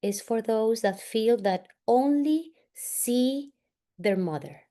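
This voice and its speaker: A woman facilitator, an English speaker, leading a family constellations exercise in a slow, soft-spoken guided-meditation style with long pauses. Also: fairly high pitch, expressive.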